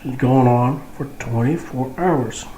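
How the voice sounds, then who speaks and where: A man's voice: mid-range voice, dark tone, reverberant, slight background noise, low-quality recording. A man with a head cold and the hiccups, talking through a casual video diary at home, amused and chatty. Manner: slow, amused, chatty with restarts. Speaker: vlogger.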